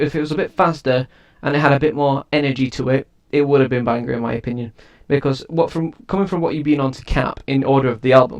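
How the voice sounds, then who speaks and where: A music reviewer and producer with a creaky, mid-range male voice gives a casual spoken album review, rambling and often restarting his sentences.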